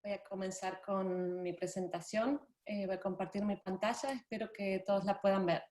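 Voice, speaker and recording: A woman's voice: mid-range voice, steady tone, darkish tone. Careful woman interpreter in an echoey room. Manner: careful, pausing as she translates. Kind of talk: consecutive interpreting in an online presentation. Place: indoor room on a video call. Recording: roomy, echoey video-call sound.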